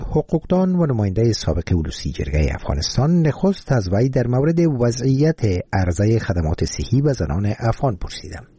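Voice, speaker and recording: A man's voice: medium pitch, dark tone, husky, no echo. A man with an Afghan Dari accent hosting a radio news segment and formally questioning a guest. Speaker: radio host and interviewer. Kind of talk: news interview.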